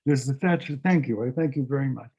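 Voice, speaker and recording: A man's voice: mid-range voice, fast, dark tone, breathy edge, highs cut off. A rabbi in conversational teaching mode, reflective and repeating his questions, speaking over a video call.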